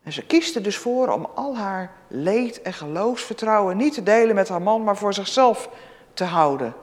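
A preacher introducing and reading a scripture story aloud in a church service, telling it expressively. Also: moderate pace. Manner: expressive storytelling with lively pitch. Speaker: preacher or worship leader. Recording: long church reverb.

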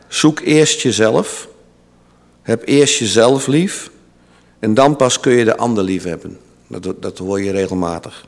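A man giving a sermon in a church hall, telling a story with dramatic pauses and voicing its characters. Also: medium pitch. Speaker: preacher. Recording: long reverb of a large hall.

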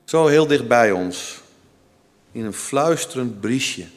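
Slow, solemn male preacher in reverb. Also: medium pitch, animated. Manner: slow, gentle and solemn, with long pauses. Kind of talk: sermon.

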